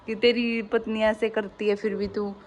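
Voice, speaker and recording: A young woman with a Haryanvi accent chats emotionally in a casual family vlog from her home kitchen, telling stories with teasing asides. Her medium-pitched, slightly mellow voice moves little in pitch and runs at normal speed. The noisy home phone recording has a lo-fi sound.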